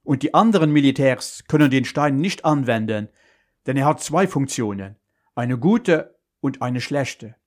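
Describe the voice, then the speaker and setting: A man doing a calm, hurried superhero calling in. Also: mid-range voice, natural voice. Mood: matter-of-fact. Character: calm, hurried male superhero on a phone call. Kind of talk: school radio story reading.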